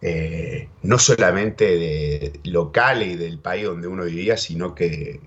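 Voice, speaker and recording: Telling stories in a casual chat, a deep-voiced, somewhat slow man with an Argentine accent meanders, repeats himself and tags on little questions like "¿viste?". He is bilingual in Spanish and English, and the recording is dull and lo-fi.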